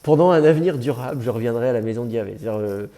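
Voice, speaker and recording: Male teacher, mellow and relaxed, patient, thinks out loud in class. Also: mid-range voice, very fast. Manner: patient, thinks aloud with many fillers. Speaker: Biblical Hebrew teacher. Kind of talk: classroom explanation.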